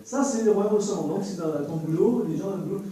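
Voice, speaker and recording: A man with a Canadian French accent, from French Canada, preaching to a worship team in a lively, joking way, repeating key phrases. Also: high voice, fast talker, a little hiss or hum. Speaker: worship teaching speaker. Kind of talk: sermon. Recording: very echoey room, voice from far off.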